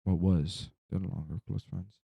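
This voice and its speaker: A young man with a deep, very dark and relaxed voice rambles in a sleep-deprived, drowsy way. He tells a personal story in casual slang with loose swearing. The sound is dry and close, with hardly any room to it. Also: moderate pace, vocal fry, slightly rough, no echo, lo-fi sound.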